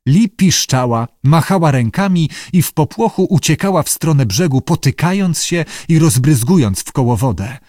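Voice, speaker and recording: A man reading a novel aloud as narrator, with steady, measured delivery. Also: fairly high pitch, no room sound, clean studio sound. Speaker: audiobook narrator. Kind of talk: scripted narration.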